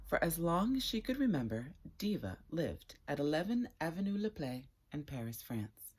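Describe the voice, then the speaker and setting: A husky, low-pitched woman reads a children's story aloud, stopping to chat with viewers, her phrasing expressive and deliberate.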